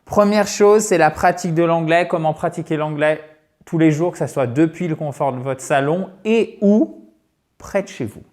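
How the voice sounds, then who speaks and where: Middle-aged male English teacher, higher register, conversational to-camera promo, addresses viewers as friends. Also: normal speed, darkish tone. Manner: chatty, keeps checking in with "ok?". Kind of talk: direct-to-viewer course promotion.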